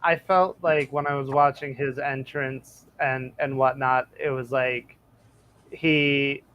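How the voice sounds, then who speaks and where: A man's voice: mid-range voice, fairly even intonation, slow pace. A man on a casual podcast giving hesitant, jokey opinions with many ums. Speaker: podcast co-host. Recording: slightly muffled with faint noise.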